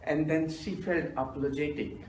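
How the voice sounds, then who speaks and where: A man, telling self-mocking jokes in a deadpan storytelling manner as a humorous club speaker. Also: on the high side, moderate pace, a little hiss or hum. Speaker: stand-up speaker. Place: meeting room with audience. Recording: echoey room from a distance.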